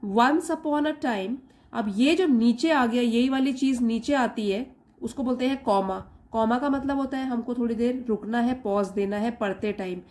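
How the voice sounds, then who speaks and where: Brisk woman teaching English reading. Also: a little high, darkish tone. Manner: reads English slowly word by word, explains briskly. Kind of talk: reading lesson, explaining in Hindi.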